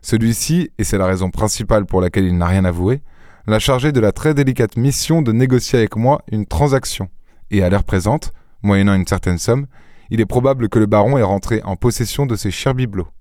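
Guy doing a cocky gentleman thief in a story, teasing and ironic, lower voice, dry close sound. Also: a little fast, no room sound, close to an everyday voice. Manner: playful, ironic, airy. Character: suave witty male gentleman-thief, mocking and self-assured.

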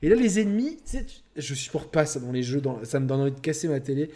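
A man with a voice on the high side hosts a casual gaming podcast, talking fast and rambling with lots of fillers, getting excited and laughing along the way.

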